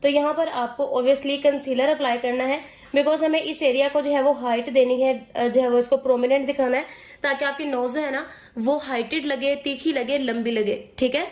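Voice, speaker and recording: Hoarse high-voiced woman teaching makeup. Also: fairly even intonation, normal speed, a little mellow, roomy sound. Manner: patient explaining, frequent check-ins. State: hoarse, straining her voice. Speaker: makeup tutor. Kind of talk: step-by-step makeup tutorial.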